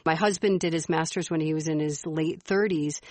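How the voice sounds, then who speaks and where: A woman's voice: low voice, steady tone, a little fast, darkish tone, no echo. A middle-aged woman co-hosting a podcast, talking in an earnest, reflective casual chat. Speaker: podcast co-host.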